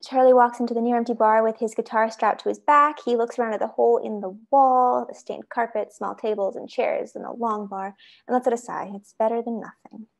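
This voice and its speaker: A woman's voice: a little high, fairly even intonation, a little fast, gravelly. A woman reading stage directions aloud in a matter-of-fact way during a script read-through.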